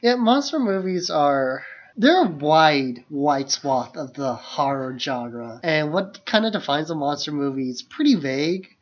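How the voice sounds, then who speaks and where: A man co-hosts a podcast, talking casually about films in loose, filler-heavy phrasing with frequent "like". His voice is a little high and animated but a little slow, and the audio sounds dull.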